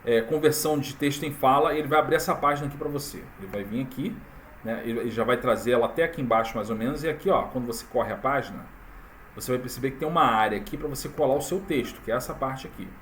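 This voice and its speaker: A man walking viewers through a software tutorial in a casual, chatty way, full of fillers and tag questions. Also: medium pitch, fast talker, a little hiss or hum. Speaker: tutorial presenter. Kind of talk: casual screen-recorded tutorial.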